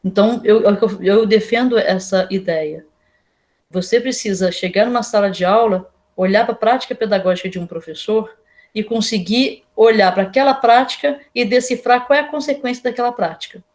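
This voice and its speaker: A woman's voice: mid-range voice, moderate pace, darkish tone. A Brazilian woman lecturing to her students in a casual, explanatory way, often asking them rhetorical questions. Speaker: university lecturer. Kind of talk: online class lecture.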